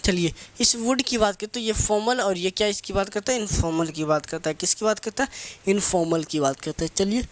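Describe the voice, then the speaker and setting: In a brisk, high voice, a man teaches English grammar to students preparing for competitive exams. Speaking Hindi laced with English phrases, he drills terms by asking questions and answering them on his own.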